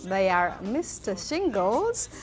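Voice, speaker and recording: Woman, mid-pitched, TV host, inquisitive interviewer, reads from notes. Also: big pitch swings, slow pace. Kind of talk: studio interview.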